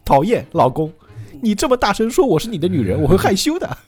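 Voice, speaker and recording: A man's voice: high voice, sing-song, fast, slightly rough, pitched above the performer's own voice, heavily acted. A man voicing a fierce but coy housewife alchemist, speaking in a sugary, bashful way.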